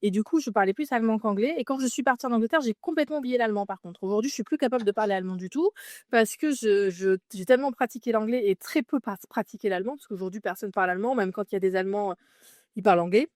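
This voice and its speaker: Racing along at a medium pitch with a darkish tone, a woman from France in her thirties chats as a podcast guest, recounting her story with plenty of fillers and false starts. The casual interview has clean studio sound and no echo.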